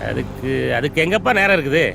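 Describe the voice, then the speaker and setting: A man's voice: a little high, animated, fast talker, vocal fry. An actor playing a stern business owner giving orders to his staff, in film dialogue. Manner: commanding, threatening. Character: stern male business owner, commanding boss.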